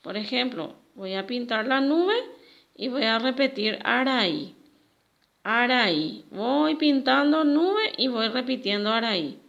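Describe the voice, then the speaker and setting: Slow, high-voiced woman teacher. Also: lively intonation, vocal fry, fairly bright tone, lo-fi sound. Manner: slow, careful teacher repeating each new word. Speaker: Guaraní teacher. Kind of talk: recorded language lesson for children.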